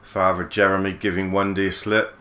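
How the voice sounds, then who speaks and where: A man giving relaxed let's play commentary, musing aloud with mild swearing. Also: deep voice, a little fast. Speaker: gaming channel host.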